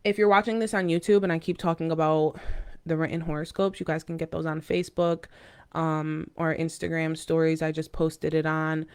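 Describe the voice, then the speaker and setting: Woman giving a mystical horoscope reading, clear voice. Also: sits low, flat delivery. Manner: halting, informal, intuitive asides. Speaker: tarot and horoscope reader. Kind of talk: casual mystical horoscope and tarot card reading to viewers.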